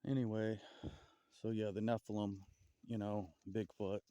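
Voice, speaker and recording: Southern man, deep voice, halting casual musing, outdoor woods vlog. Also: steady tone, darkish tone, no echo, studio quality. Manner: rambling, halting, with stutters and restarts. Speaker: vlogger. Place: outdoors in a forest.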